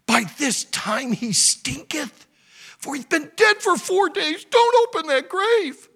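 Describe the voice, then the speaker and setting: Man doing a shrill grieving woman, high-pitched, pleading, bright, husky. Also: expressive, very slow, heavily acted. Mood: anguished. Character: distraught grieving woman, sister of the dead.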